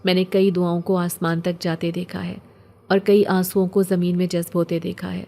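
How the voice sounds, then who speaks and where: A woman voicing an ancient, gentle male jinn who speaks in a calm, poetic, consoling way. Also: on the low side, natural voice. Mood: calm, tender.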